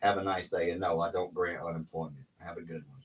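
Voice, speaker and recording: A man's voice: low voice, fairly even intonation, fast talker, distant mic, a little hiss or hum, poor audio. A man in his forties, a podcast co-host, telling candid stories in a rambling casual chat.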